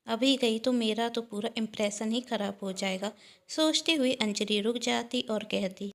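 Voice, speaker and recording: A woman hosting her channel and reading a family story aloud in a clear, steady voice. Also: on the high side. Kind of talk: scripted story narration.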